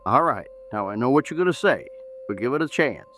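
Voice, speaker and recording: A man's voice: medium pitch, sing-song, a little fast, fairly bright tone. Man playing Donny, an eager conspiracy-buff farmer. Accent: Texan. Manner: eager, rambling, earnest.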